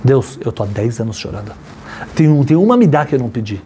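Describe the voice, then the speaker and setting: A man voicing a weary, childless man who pleads with God in a low, quiet voice. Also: very animated, quick pace, noisy background, natural voice. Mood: despairing.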